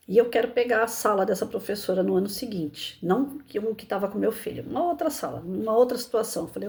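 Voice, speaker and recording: A Brazilian woman, a schoolteacher, telling a personal anecdote in an expressive, emphatic way. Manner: expressive, emphatic storytelling with frequent pitch lifts. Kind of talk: personal anecdote told to listeners.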